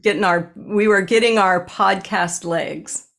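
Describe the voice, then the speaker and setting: Her voice is mid-range with vocal fry, fairly even in intonation, a bit slow and fairly bright. She's a podcast host and animal communicator in her sixties, chatting earnestly over a webcam call from a room with bookshelves at home. Her hands move as she speaks.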